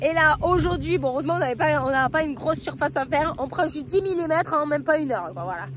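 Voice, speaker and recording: A woman's voice: high voice, animated, quick pace, fairly bright tone, slight background noise. A woman winegrower, chatting in a hesitant way with lots of fillers while outdoors in a vineyard. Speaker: winegrower vlogger. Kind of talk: casual vlog chat.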